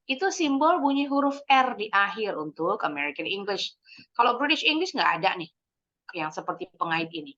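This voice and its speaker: A woman English teacher leading a kids' lesson, slowly modeling words for the class to repeat, mixing English phrases into her explanations and praising answers. She clears her throat often. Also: medium pitch, big pitch swings, pushed and bright, highs cut off. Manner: encouraging praise after answers. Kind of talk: online English lesson for kids.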